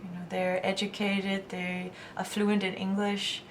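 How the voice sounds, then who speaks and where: A woman's voice: mid-range voice, completely flat delivery, unhurried, slight background noise. A woman filmmaker explaining her work in a reflective documentary interview.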